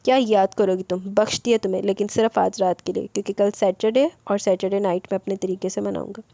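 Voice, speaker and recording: A playful, mock-stern young husband from a romance audiobook, teasing his wife without pause, as a woman narrator voices him. The delivery is mellow and warm-toned. It is recorded close and dry. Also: medium pitch, steady tone, creaky, no echo, natural voice.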